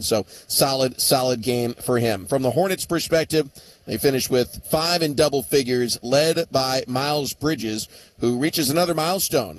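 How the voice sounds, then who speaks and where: An upbeat male radio host rattles off game stats with easy humor. He keeps it quick and chatty, voice set at an ordinary middle pitch. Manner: upbeat, joking, quick stat-heavy delivery. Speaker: radio post-game host and play-by-play announcer. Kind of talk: sports radio box score recap.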